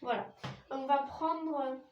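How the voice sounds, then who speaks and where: A woman's voice: high voice, fairly even intonation, slow, reverberant, highs cut off, a little hiss or hum. A young woman chatting casually while trying skincare products, rambling, humming and singing bits. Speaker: beauty vlogger. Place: small room with a dark curtain.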